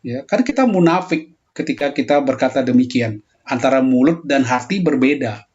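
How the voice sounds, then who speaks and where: A man lecturing calmly in a pastoral theology talk, answering a question, and lifting his voice when he acts out quoted prayers. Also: medium pitch, normal speed, dull audio. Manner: explains calmly, voicing heated quoted prayers more loudly.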